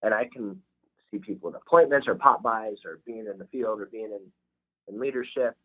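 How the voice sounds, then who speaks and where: A man's voice: lowish voice, a little fast. Man on a tinny phone line. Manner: earnest, heartfelt storytelling. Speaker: realtor guest. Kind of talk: storytelling podcast interview.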